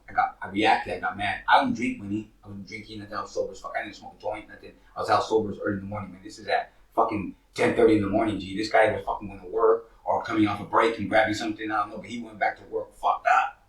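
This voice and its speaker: A man's voice: mid-range voice, roomy sound, far from the mic, poor audio. A man from Northern California in his forties, telling his own street stories in casual slang, often saying "money" and "you feel me.". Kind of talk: casual storytelling to camera.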